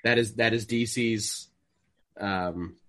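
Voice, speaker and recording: A man's voice: lowish voice, steady tone, slow pace, fairly bright tone. A man hosting a podcast from home, reading sponsor spots in a rambling, self-correcting way with nerdy asides. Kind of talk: casual chat with sponsor reads. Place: home setup, recording remotely.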